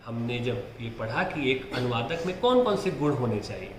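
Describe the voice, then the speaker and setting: A man's voice: medium pitch, sing-song, moderate pace, roomy sound, noisy background. A man teaching Hindi exam prep, who asks rhetorical questions, answers them himself and keeps checking in with his students.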